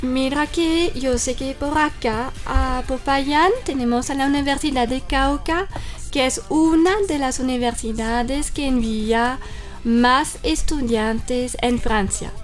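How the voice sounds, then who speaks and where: With soft music playing in the background, a French-accented woman from a French cultural institute takes her time answering interview questions. Her slightly high voice carries long explanations filled with "mira" and "entonces."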